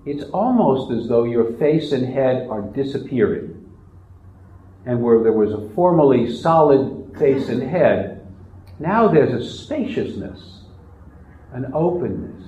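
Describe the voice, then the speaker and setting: A man leading a guided relaxation meditation in a slow, soft, soothing manner. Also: medium pitch, lively intonation, reverberant, highs cut off, slight background noise.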